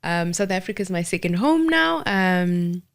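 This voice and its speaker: A woman's voice: fairly low pitch, sing-song, moderate pace, gravelly, clean tone. Guest, woman in her twenties from Zimbabwe; chatty storyteller, lots of ums and restarts. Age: 20s. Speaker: guest, audiologist. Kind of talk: casual interview chat.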